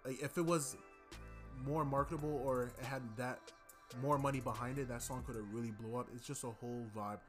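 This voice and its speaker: Over background music, a young podcast host talks casually about an album, wandering off track and leaning on fillers. He speaks a little fast at a medium pitch with a steady tone.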